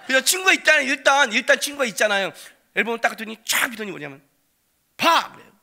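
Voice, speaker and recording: A man in his forties preaching a sermon in a church, telling stories animatedly and acting out the people in them with sudden loud outbursts. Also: very high-pitched, rapid-fire. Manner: animated storytelling, acts out quoted voices with sudden loud outbursts. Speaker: pastor. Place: church sanctuary.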